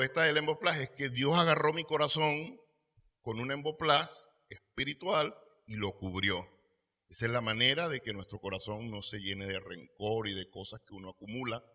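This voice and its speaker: Man, pastor, sermon, very bright tone, emphatic swells, reads scripture aloud. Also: mid-range voice, normal speed. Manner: preaching with emphatic swells in volume.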